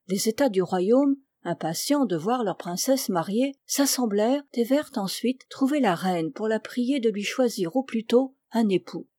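A woman reading a classic fairy tale aloud in measured, expressive narration. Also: mid-range voice, dry recording. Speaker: reader.

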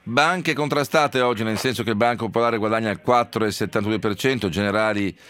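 A male radio host running a live economics show, reeling off stock market figures briskly with frequent fillers, in a studio. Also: on the low side, fairly bright tone. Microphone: studio mic.

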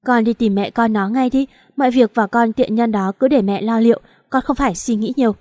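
A woman's voice: fairly high pitch, brisk, mellow, dry recording, studio quality, lightly acted. A woman voicing a domineering older mother, now imploring and full of regret.

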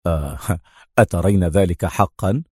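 A man voicing a calm, ironic male secret agent who speaks in a low, wryly teasing tone. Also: normal speed, no room sound, clean studio sound.

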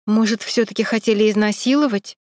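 A woman's voice: medium pitch, fairly even intonation, a little fast, a little mellow, dry recording, clean studio sound, natural voice. A woman voicing a gossipy female make-up artist who exclaims and pries for juicy details. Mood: nosy. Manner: exclaiming, nosy.

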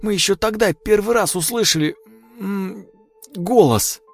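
A man voicing a frightened young male police trainee, talking in anxious, rushed questions. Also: sits high, creaky, faint music behind, pitched above the performer's own voice, heavily acted. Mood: uneasy. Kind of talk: audiobook character voice.

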